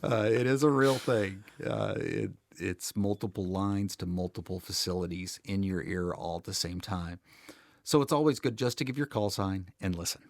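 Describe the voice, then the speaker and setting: With a low, gravelly voice at a moderate pace, an American man who controls air traffic chats as a podcast guest. He's conversational and blunt, stressing his points with dry wit, and no echo is heard.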